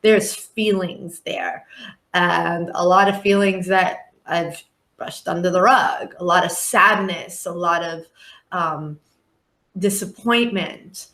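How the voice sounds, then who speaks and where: A life coach on a podcast speaks with a fairly low, steady voice and a fairly bright tone, taking a slow pace in a reverberant recording. Earnest and reflective, she acts out the voices of her clients.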